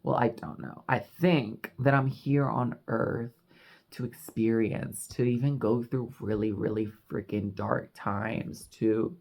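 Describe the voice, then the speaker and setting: Vlogger, unhurried delivery, gravelly fry, rambling confessional chat, lots of "like". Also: mid-range voice, steady tone, a little mellow. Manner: rambling and confessional, heavy use of "like" and "you know". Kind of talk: casual reflective monologue. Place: house in Mexico.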